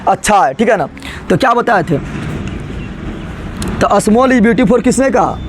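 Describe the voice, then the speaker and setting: A man's voice: high-pitched, lively intonation, measured pace, crowd noise, noisy background. A male teacher, giving a classroom lecture. He repeats key answers and keeps asking the class questions. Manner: mixes English terms into teaching.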